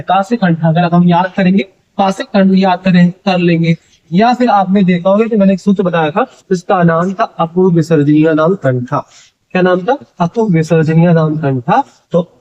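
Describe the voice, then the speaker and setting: A man with a high voice teaches an exam-prep grammar lesson, posing questions to his listeners and answering each one himself. The recording sounds dull and lo-fi. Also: darkish tone. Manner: asks the class questions and answers them himself. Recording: dull lo-fi audio.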